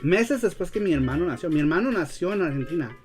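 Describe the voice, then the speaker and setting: A man's voice: on the high side, expressive, fast, a little mellow, soft background music. Hesitant man, Mexican-style Spanish, second language. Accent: Mexican-style Spanish, learned as a second language. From United States, grew up in Los Angeles. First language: English. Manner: hesitant, searching for words, slangy. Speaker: show host. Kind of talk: casual live-stream chat.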